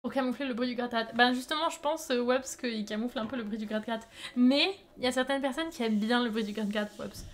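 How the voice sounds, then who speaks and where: Higher-voiced woman chatting casually on stream. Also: fast, slight background noise. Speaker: live streamer making pottery. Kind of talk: casual chat with stream viewers.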